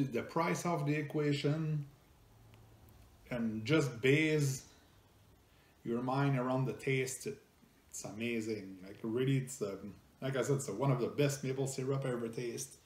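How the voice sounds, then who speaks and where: A middle-aged man with a French Canadian accent, a native French speaker, reviewing a product in casual talk, halting with many fillers and restarts. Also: mid-range voice, a little mellow. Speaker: food reviewer host. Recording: echoey room.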